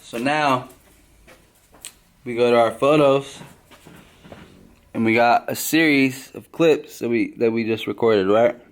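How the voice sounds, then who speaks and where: A man who cuts hair walks through a casual tutorial one step at a time. He talks slowly and keeps checking in with a quick "right?". His voice sits at a middling pitch for a man. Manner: walks through steps, tags lines with "right?". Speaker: barber.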